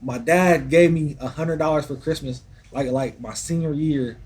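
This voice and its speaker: A man's voice: a little high, normal speed, background noise. A man in his thirties co-hosting a podcast, telling stories in slangy casual chat. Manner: storytelling, slangy, chuckling. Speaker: podcast co-host.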